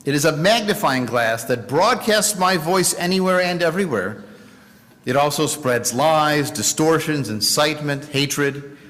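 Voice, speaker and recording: A man's voice: on the high side, expressive, fairly bright tone. Wry male speaker in a reverberant hall. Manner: wry, measured delivery with dry jokes. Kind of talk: sermon.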